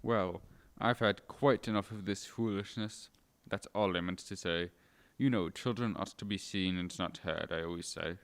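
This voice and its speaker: Guy playing a stuffy indignant vicar dad in an old period play, lowish voice, formal and stern. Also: normal speed, smooth, no room sound. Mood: stern, scolding. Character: stern, touchy Edwardian clergyman and father. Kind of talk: amateur period audio drama acting.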